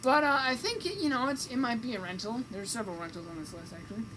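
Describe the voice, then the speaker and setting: On a noisy amateur recording, a woman with a fairly high voice talks fast while co-hosting a radio show. She moves casually through movie reviews, hesitating and hedging as she goes.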